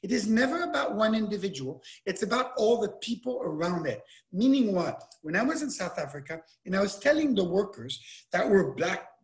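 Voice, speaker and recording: A man's voice: sits high, brisk. Swiss-born man talking with his hands. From Switzerland. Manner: animated, gesturing with his hands, many repeated words. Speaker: winemaker. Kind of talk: casual talk over video call. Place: indoor room with wine bottles and shelves. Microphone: webcam at close range.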